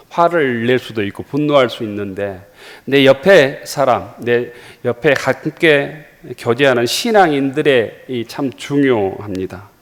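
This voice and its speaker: A man with a Jeolla accent preaching a sermon as pastor, repeating phrases and asking rhetorical questions. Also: mid-range voice. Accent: Jeolla Korean. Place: church sanctuary. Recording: reverberant church hall.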